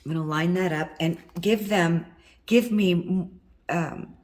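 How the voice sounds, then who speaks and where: This step-by-step wire craft tutorial is led by a middle-aged woman speaking at a slow pace. Vocal cord nodules leave her voice low, hoarse, husky and worn-out, and she chats easily as she works.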